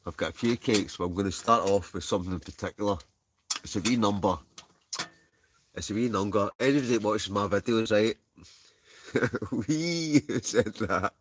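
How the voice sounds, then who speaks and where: A man's voice: on the low side, steady tone, normal speed, long pauses, slight background noise. A Scottish man chatting casually to livestream viewers in a rambling, chuckling, easily sidetracked way. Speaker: livestream host. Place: inside a tent.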